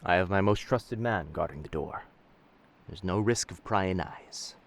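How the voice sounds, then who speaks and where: Deep-voiced and a little slow, a man plays a commanding, protective pirate captain in an intimate roleplay audio drama. The character is dangerous but gentle and talks in old-fashioned nautical language, with an amused, reassuring mood.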